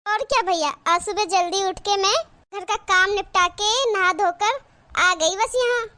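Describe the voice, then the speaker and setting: A woman voicing a chatty young married sister in a cartoon, with a very high, bright voice. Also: unhurried, full character voice. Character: cheerful young married sister visiting her brother. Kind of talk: cartoon voice acting.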